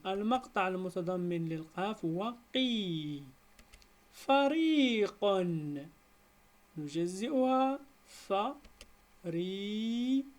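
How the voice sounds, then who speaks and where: A woman teacher with a Moroccan accent, reading a beginners' Arabic lesson slowly and deliberately, breaking words into syllables and stretching them out. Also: mid-range voice. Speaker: primary school teacher.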